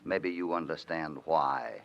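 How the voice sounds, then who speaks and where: Hopalong Cassidy: a deep-voiced calm cowboy hero. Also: male voice, takes it slowly, vocal fry, heavily acted. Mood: firm. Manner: calm, firm, authoritative. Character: steady heroic male cowboy, calm and commanding. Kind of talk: 1940s radio acting. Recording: hissy lo-fi vintage radio recording.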